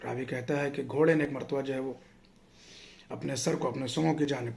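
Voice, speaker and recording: A man's voice: medium pitch, steady tone, vocal fry, darkish tone. A male preacher giving a sermon, telling a martyrdom story in a mournful, chanting way that swells and falls.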